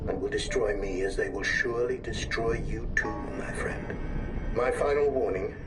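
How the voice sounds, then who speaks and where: A man's voice: fairly low pitch, low-quality recording. A man voicing a sly, theatrical aristocratic collector whose message plays from an old phonograph cylinder in a video game. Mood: ominous. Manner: grand, drawn-out theatrical speech. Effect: played back from an old phonograph cylinder. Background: music.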